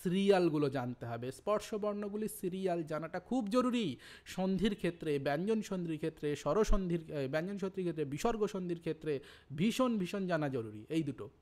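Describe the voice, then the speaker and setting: A man's voice: high-pitched, animated, brisk, darkish tone. A middle-aged man teaching grammar for an exam, explaining patiently step by step and repeating key points. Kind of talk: exam-prep grammar lesson.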